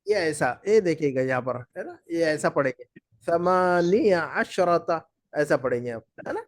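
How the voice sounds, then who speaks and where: A man's voice: fairly high pitch, expressive, no echo, studio quality. A male Arabic teacher leading a class, patiently repeating words and quizzing his students. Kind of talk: language class, drilling students. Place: class run from Bahrain.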